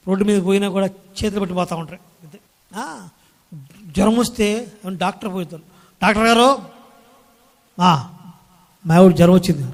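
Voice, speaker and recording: Male pastor, high pitch, animated sermon with call-and-response, church hall with long reverb. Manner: animated preaching, calls Praise the Lord and hallelujah to the congregation; acts out quoted spouses in everyday scenes. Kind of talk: Sunday sermon.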